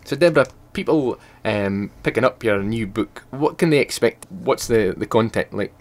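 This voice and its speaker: A man's voice: fairly low pitch, lively intonation, normal speed, a little mellow. A man, putting questions to a guest as a radio interviewer.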